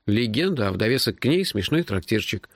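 A man reading as an excitable young man. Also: on the low side, a little fast, no room sound, pitched above the performer's own voice. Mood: astonished. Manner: eager, incredulous questioning. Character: young man, curious, excitable and easily astonished. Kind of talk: audiobook reading.

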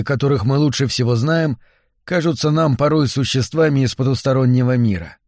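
A male audiobook narrator reading literary prose in a measured, even manner. His voice sits in an ordinary middle range. The recording is close and dry, with no room sound. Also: medium pitch, no room sound.

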